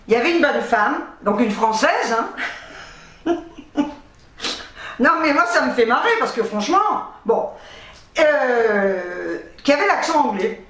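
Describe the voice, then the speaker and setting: A woman's voice: high voice, fairly bright tone, reverberant, slight background noise. An older woman, a grandmother, chatting casually to camera as a vlogger, laughing often and speaking bluntly with the odd swear word. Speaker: shopping-haul vlogger. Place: home office.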